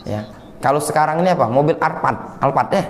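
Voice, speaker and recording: A man's voice: a little high, brisk. A middle-aged man teaching a mosque lesson, talking conversationally and asking his listeners rhetorical questions. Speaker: Islamic preacher. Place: mosque hall. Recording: echoey mosque hall with faint noise.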